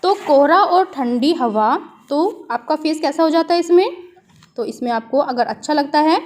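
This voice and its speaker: A woman with a high voice teaching young children from a worksheet. She asks simple questions, answers them herself and spells words out slowly, letter by letter. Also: expressive, a little mellow.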